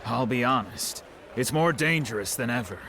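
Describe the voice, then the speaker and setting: In a game cutscene, an actor voices a friendly, chatty innkeeper who is polite, fond of gossip, and eager to serve his customers. His medium-pitched delivery is expressive and lightly acted at normal speed, with some background noise.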